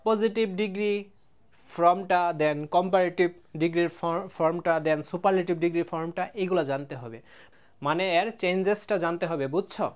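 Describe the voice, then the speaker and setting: A man teaching an English grammar lesson in a casual video, explaining step by step, checking that students follow, and drawing out example words slowly. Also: high voice, a little mellow. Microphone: close mic, writing on a board.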